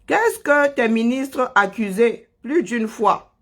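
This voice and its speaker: Live stream host, man from Cameroon, high-pitched, sarcastic, laughs a lot. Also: expressive, takes it slowly, a bit bright. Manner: greets viewers by name between political rants. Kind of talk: casual live stream commentary.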